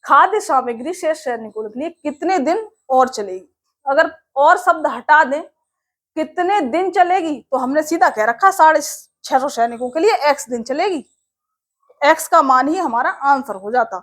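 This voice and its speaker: High-pitched young woman teacher, patient step by step maths explaining, asks then answers herself. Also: expressive, a little slow, fairly bright tone. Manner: explains step by step, checks with students, asks and answers her own questions. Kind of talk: classroom maths lesson.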